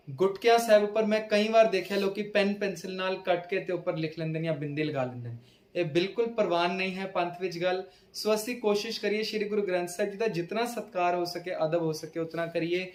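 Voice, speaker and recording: A man teaches how to pronounce scripture, his voice sitting fairly high. He recites each verse slowly and deliberately before explaining it in plain talk. The recording carries a noticeable room echo. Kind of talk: instructional talk with slow recitation.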